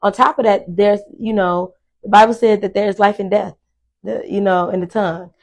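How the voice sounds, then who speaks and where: A woman in her thirties, a podcast host, speaks directly to viewers in a casual solo monologue on her own show. Her mid-range voice holds a steady tone and moderate pace, and she is blunt and candid, swearing freely while rambling with plenty of "um"s and restarts.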